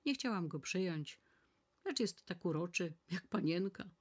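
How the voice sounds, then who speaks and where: A woman reading aloud voices a brisk, fussy young housemaid who chatters and scolds. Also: on the low side, expressive, husky. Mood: gossipy.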